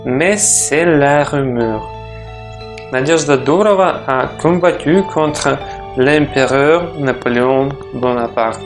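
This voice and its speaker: A man from Russia with a Russian accent, a native Russian speaker, narrating a travel vlog in halting, careful phrases. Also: mid-range voice. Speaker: travel vlogger. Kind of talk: scripted vlog narration in French. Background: music.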